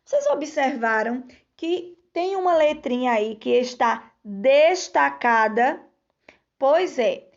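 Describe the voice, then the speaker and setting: A woman, a teacher giving a slow, patient recorded lesson to children and sounding out words carefully. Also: high-pitched, expressive. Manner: slow, patient, drawn-out word reading. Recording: dull lo-fi recording.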